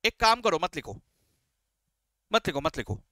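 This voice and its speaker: A man's voice: fairly high pitch, big pitch swings, unhurried, sharp tone, no room sound. A man teaching a beginners' accounting lesson, explaining step by step in a friendly, encouraging way and constantly checking "right?" and "okay?". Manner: friendly, encouraging, calls students "beta" and "sir". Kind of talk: classroom lecture mixing Hindi and English.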